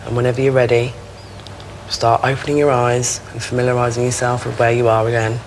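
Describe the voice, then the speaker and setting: A man leading a guided meditation in a slow, soothing way. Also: mid-range voice, level tone, background noise.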